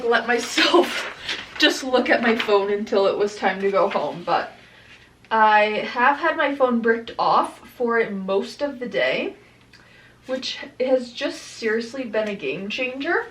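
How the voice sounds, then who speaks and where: A woman's voice: fairly high pitch, expressive, a little slow, a little hiss or hum, low-quality recording. A young woman chatting casually to camera in her shop as a vlogger, upbeat and laughing often. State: out of breath. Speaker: vlogger and small business owner. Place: her print shop, indoors.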